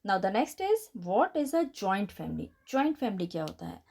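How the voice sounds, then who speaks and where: A woman teacher with an Indian accent explaining a children's lesson, dictating English slowly and explaining quickly in Hindi, spelling words letter by letter and addressing the children as 'beta'. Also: mid-range voice, sing-song, vocal fry, a little mellow. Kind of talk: bilingual classroom lesson explaining answers.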